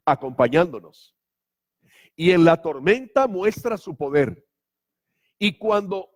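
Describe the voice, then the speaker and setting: A man's voice: on the high side, a little mellow. A man preaching a sermon as pastor, emphatic and full of rhetorical questions. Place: church.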